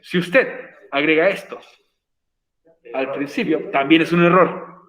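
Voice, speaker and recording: A man's voice: on the high side, a little slow, fairly bright tone, reverberant. A man teaching an online English class, patient and encouraging, explaining step by step.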